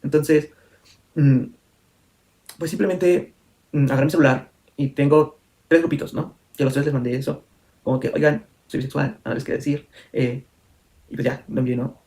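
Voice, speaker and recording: A man's voice: medium pitch, fairly even intonation, moderate pace, long pauses, dark tone. A young man telling a personal story in a candid vlog, full of fillers and self-corrections. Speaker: vlogger.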